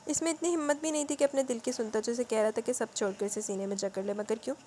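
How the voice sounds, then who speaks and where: A woman's voice: on the high side, steady tone, mellow, slight background noise. A woman reading a romance novel aloud, breaking in with wry, colloquial asides. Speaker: novel reader.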